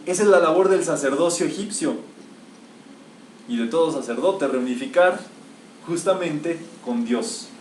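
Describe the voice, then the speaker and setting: Speaking at a measured pace with frequent pauses, a man with a slightly high voice teaches a spiritual lecture to a live audience, pressing his points and posing rhetorical questions. He's a metaphysics teacher, recorded in an echoey room from a distant mic with faint hiss.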